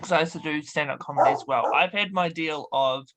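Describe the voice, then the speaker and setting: A man's voice: a little high, brisk, very noisy. A man hosting a casual radio interview, speaking informally with somewhat hesitant phrasing. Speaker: radio show host.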